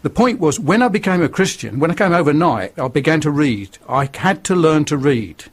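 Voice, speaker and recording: A man's voice: a little high, lively intonation, normal speed. An older man with a northern English accent, telling his life story earnestly as a radio guest. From northern England. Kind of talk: testimony in a radio interview.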